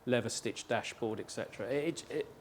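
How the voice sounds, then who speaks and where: A man's voice: mid-range voice, normal speed, a little hiss or hum. A car salesman explaining details in a friendly, slightly stammering casual chat at a dealership.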